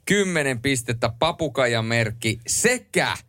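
A man co-hosts a late-night radio show from a studio, teasing and praising listeners in a playful way. His pitch moves up and down a lot, and the recording is close and dry. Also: expressive, pushed and bright, dry recording. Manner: playful, quizzes listeners, laughs easily. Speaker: radio host. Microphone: studio microphone.

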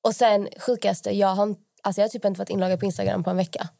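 A woman's voice: medium pitch, steady tone, gravelly, mellow, dry recording, studio quality. A young woman co-hosting a podcast, telling rambling stories in casual chat, full of fillers and acted-out quotes. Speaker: podcast co-host.

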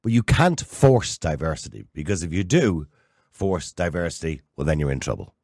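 Deep, animated Irish male radio host. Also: normal speed, dry recording, clean studio sound. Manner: emphatic, repeats phrases and rhetorical questions. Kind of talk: opinionated talk radio presenting. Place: radio studio.

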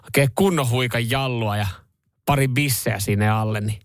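Guy doing morning radio banter, jokey and loose, mid-pitched voice, dead dry studio mic. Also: no room sound. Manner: chatty, laughs often, loose and joking. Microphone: studio microphone.

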